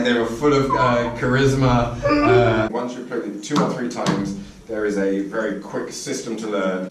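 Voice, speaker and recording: Echoey room, far from mic, man, joking, meandering, casual chat. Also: medium pitch. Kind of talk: casual group review chat. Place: indoor room with other players. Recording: echoey room, distant mic, faint noise.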